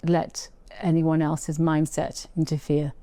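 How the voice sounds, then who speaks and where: Woman guest on an interview show, lowish smooth voice, reflective, keeps restarting her sentences. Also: level tone, slow, no room sound. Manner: reflective, with frequent restarts and soft laughs. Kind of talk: casual interview conversation.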